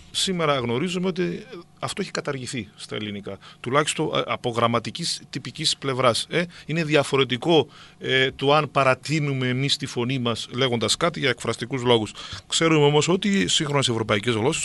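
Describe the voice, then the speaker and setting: A middle-aged man explains slowly and carefully, as a teacher would. His voice has a gravelly texture and a bright, forward tone. He pauses often on hesitant filler sounds. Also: medium pitch. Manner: lecturing, many hesitation fillers. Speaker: guest. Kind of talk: explaining to a radio co-host.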